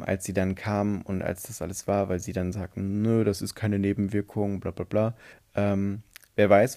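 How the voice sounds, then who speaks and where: A man's voice: fairly low pitch, creaky, a little mellow. A man giving a casual opinion monologue, speaking hesitantly as he searches for words and corrects himself.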